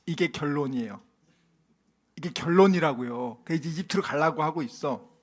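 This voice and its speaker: A man's voice: a little high, normal speed. A man preaching a sermon as pastor in a church, emphatic and dramatic, acting out the voices of the people he quotes. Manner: animated, acts out quoted voices; emphatic, repeats points to the congregation.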